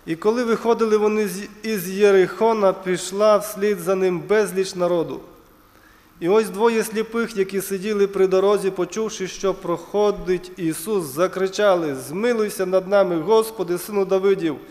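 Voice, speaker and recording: A man preaches a sermon in a church with long hall reverb, retelling scripture and stories and calling his congregation brothers and sisters. His voice sits high with fairly even intonation, a moderate pace and a darkish tone.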